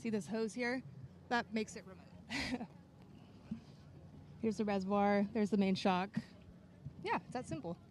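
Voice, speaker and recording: A woman's voice: mid-range voice, a little slow, long pauses, noisy background. A woman engineer and navigator explaining shock parts casually, laughing, partly with food in her mouth. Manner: casual, laughs, talks while eating, explains plainly. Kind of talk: casual interview answers.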